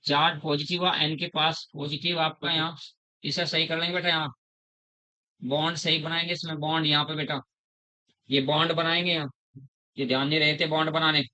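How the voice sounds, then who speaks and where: A middle-aged man teaching a chemistry class, slowly repeating terms, quizzing his students and calling them "beta". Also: fairly high pitch, flat delivery, pushed and bright, poor audio. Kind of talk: classroom lecture.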